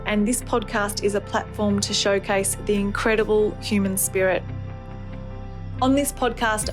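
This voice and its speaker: A woman hosting a podcast, speaking earnestly and admiringly as she opens the show and interviews her guest. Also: medium pitch. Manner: earnest, admiring, with some fillers and restarts. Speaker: podcast host.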